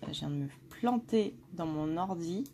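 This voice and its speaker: A woman's voice: on the low side, expressive, a little slow, warm tone, a little hiss or hum. A woman with a blunt manner, talking casually with many fillers and restarts as she gives a tarot reading for her channel. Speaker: tarot reader.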